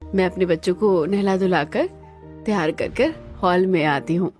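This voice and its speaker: A woman's voice: lowish voice, normal speed, darkish tone. Female voice, scripted cartoon dialogue, dramatic scolding tone, faint background music. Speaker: voice actor for several characters.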